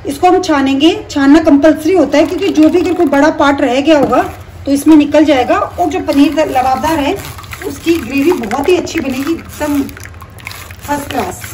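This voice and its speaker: A woman calmly explaining each step of a recipe while she cooks at her stove at home. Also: high-pitched, normal speed, recorded from a distance, slight background noise, low-quality recording. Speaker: home cooking teacher. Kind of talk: step-by-step cooking instruction.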